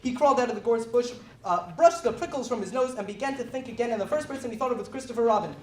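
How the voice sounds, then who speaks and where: A reader performing a children's book aloud for a small audience, quick and giggly, laughing between lines. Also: mid-range voice, a little mellow. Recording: echoey room, voice from far off.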